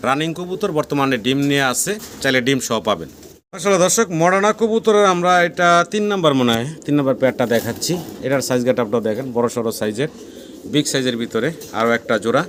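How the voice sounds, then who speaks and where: A man with a Bangladeshi Bengali accent giving a fast sales tour of a pigeon farm, repeating prices and blessings as he shows each pair. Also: mid-range voice, lively intonation. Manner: rapid patter, repeats prices, frequent blessings. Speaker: pigeon seller channel host. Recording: noisy farm recording with pigeons. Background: pigeons cooing.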